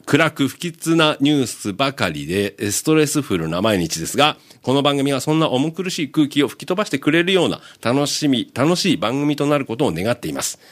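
A man's voice: medium pitch, big pitch swings, a little fast, hardly any pauses. A man in his fifties hosting a radio show, reading listener mail in a casual, teasing way and laughing often. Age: 50s. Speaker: radio host.

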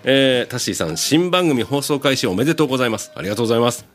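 Lively joking man hosting radio. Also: mid-range voice, racing. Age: 50s. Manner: jokey, laughs often, lively teasing. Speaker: radio host. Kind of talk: casual radio chat reading listener mail.

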